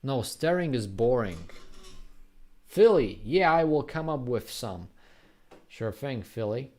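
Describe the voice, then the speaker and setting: A man from Slovakia with a Slovak accent, chatting casually on a live stream and answering viewers' questions in a rambling, unhurried way. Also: mid-range voice, lively intonation, a little mellow. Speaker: graffiti artist live streamer.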